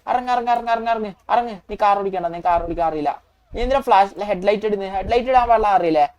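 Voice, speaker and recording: An impulsive, excitable young man, played by a woman in a fan game video. He talks in short, repeated bursts and keeps up a casual running commentary. His voice sits at an everyday middle pitch. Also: fast, no room sound, lightly acted. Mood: angry yelling. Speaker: game video narrator voicing the player character.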